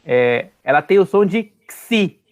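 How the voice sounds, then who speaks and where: Fairly high-voiced male teacher. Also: expressive, takes it slowly. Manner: explanatory, checks in with students often. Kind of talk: online class lecture.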